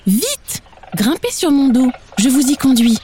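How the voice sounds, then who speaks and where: A woman's voice: high-pitched, big pitch swings, unhurried, dark tone, slight background noise, voice pushed up. A woman voicing a sly, hungry female weasel who sweet-talks and sneers in a children's storybook. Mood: coaxing. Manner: sugary then sneering, snickering.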